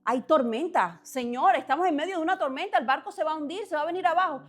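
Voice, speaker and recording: A woman preaching a sermon, passionate, building to loud exhortations with dramatic pauses. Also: high voice, faint music behind.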